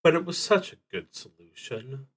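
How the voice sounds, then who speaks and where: Here a man whose voice runs on the high side plays a solo tabletop game out loud, reading prompts and musing tentatively between long pauses. He is expressive, with a fairly bright tone.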